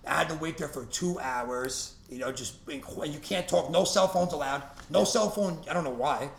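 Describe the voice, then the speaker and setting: A man's voice: fairly high pitch, moderate pace, vocal fry. A man in casual chat, blunt and slangy, swearing a lot. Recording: roomy room with faint noise.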